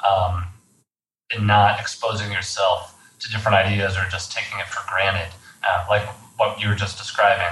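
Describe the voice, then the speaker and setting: Man, young adult, from Texas, interview guest, measured, bright tone, roomy distant sound. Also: lowish voice. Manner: thoughtful, measured, with frequent fillers. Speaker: guest, activist and journalist. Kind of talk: casual interview talk. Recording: roomy sound from a distant mic with faint background hiss.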